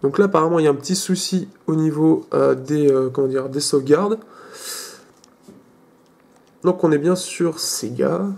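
A young man with a fairly high voice hosts a casual tech demo in French. He hesitates often, filling gaps with short pauses and restarting his sentences as he clicks through menus. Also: vocal fry, a little mellow, a little hiss or hum. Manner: hesitant, many fillers and restarts. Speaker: tech video host.

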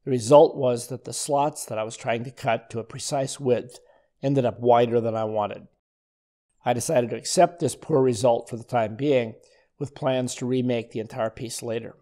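An older man narrates in a calm, methodical way, as if walking a student through each step. His voice is mellow and relaxed, with a middle pitch. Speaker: woodworking instructor. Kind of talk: scripted voice-over narration.

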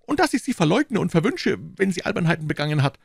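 Bonacieux, a shrill panicked shopkeeper. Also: male voice, very animated, fast, gravelly, slightly rough, no room sound, studio quality, heavily acted. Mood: pleading. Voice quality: shrill, pleading. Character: frightened whining male shopkeeper prisoner.

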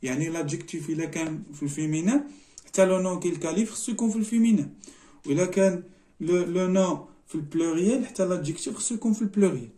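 A middle-aged man with a Moroccan accent teaches a French spelling exercise, moving between languages and saying each word slowly twice. His voice is mellow and relaxed but pitched a touch high for a man. He explains each step patiently, like a classroom teacher. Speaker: primary school teacher. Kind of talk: French lesson walkthrough mixing Moroccan Arabic and French.

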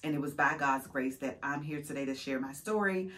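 A woman's voice: a bass voice, a little fast, a bit bright. A woman in her thirties, a mother of five vlogging, telling her story earnestly with faith-filled, encouraging repetition. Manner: earnest and encouraging, acts out quoted voices. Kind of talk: casual heartfelt storytelling to camera.

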